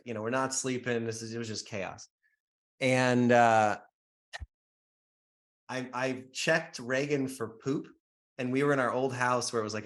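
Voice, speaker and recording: Halting man telling a podcast story. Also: medium pitch, a bit bright. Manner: halting, restarts often, laughs easily. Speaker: podcast co-host. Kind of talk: casual podcast chat, storytelling.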